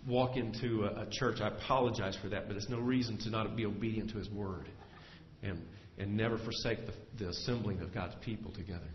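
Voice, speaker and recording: A male pastor preaching a sermon in earnest, swelling louder and slowing down to stress his points. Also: mid-range voice. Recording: echoey hall, dull lo-fi sound.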